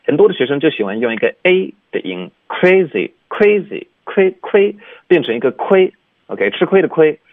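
A male teacher on a radio language lesson, talking through English sounds step by step and modeling each one with big, exaggerated mouth shapes. His voice sits at a middling pitch and comes through a narrow, phone-like channel. The sound is dry and close. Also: big pitch swings, fast, dry recording. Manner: explains patiently, demonstrating English sounds with exaggerated articulation.

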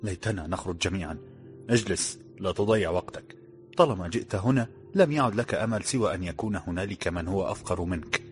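A man voicing a calm, resigned poor man in his forties who speaks quietly. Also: sits low, fast talker, soft background music, natural voice. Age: 40s.

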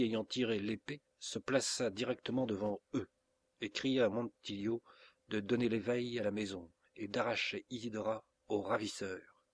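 A man with a French accent reading a classic novel aloud as an audiobook narrator, steady and measured. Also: on the low side, slightly rough.

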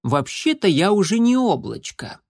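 A man's voice: sits high, normal speed, dry recording, studio quality, pitched above the performer's own voice, exaggerated voice. A man voicing an eager, proud young male kitten boasting in a storybook reading. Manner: boastful, excited.

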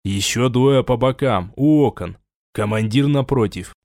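A man reading a science fiction audiobook in a measured, dramatic narration. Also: mid-range voice, a little mellow, dry recording, studio quality. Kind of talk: scripted narration.

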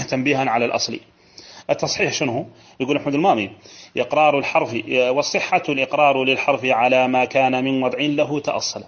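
Guy teaching grammar fast, repeats stuff, kinda muffled lo-fi recording. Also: medium pitch. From Mauritania. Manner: explains step by step, repeating key phrases, with colloquial asides. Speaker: teacher of Arabic morphology. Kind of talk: classical grammar lesson explaining a verse text. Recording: dull lo-fi lesson recording.

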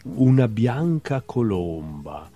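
A man's voice: fairly low pitch, sing-song, slow, warm tone, highs cut off. A man reading a playful little bestiary of short love fables aloud, with a wry, humorous recital in a TV studio talk show. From Veneto, Italy. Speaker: guest poet. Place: television studio.

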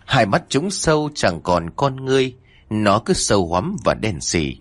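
Husky man narrating horror stories. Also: fairly low pitch, a little slow, dry recording. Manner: lively, dramatic storytelling. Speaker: storyteller.

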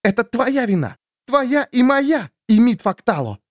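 A man voicing a sharp-tongued, scornful woman who snaps and scolds in an audiobook story. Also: extremely high pitch, big pitch swings, a little slow, dry recording, studio quality, pitched above the performer's own voice, heavily acted. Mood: scornful snapping. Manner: snapping, scolding, sarcastic.

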